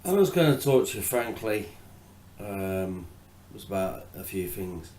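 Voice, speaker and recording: A male hypnotherapist talking informally and hesitantly about hypnotherapy, with many fillers, then gently guiding the listener through their breathing. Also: sits low, big pitch swings, unhurried, echoey room, a little hiss or hum. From England. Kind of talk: informal talk to camera on hypnotherapy.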